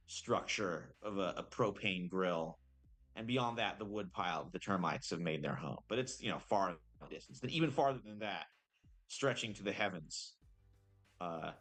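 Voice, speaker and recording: A low-voiced man runs a tabletop game as game master, describing the scene in a loose, improvised ramble. He pauses and corrects himself often, and faint music plays underneath. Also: fairly bright tone. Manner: rambling, full of fillers and self-corrections.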